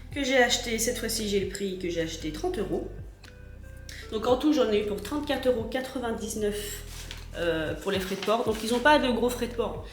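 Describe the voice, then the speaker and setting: Filmed in her home kitchen, a vlogger in her thirties does a casual unboxing while congested with a cold, talking in a chatty, rambling way full of fillers. Her voice sits a little high and sounds reverberant.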